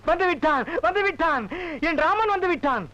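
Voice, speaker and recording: An actor playing a fussy, theatrical village father in a film comedy, loud and melodramatic. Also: extremely high pitch, lively intonation, a little fast, exaggerated voice. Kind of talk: Tamil film comedy acting. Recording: dull lo-fi film soundtrack.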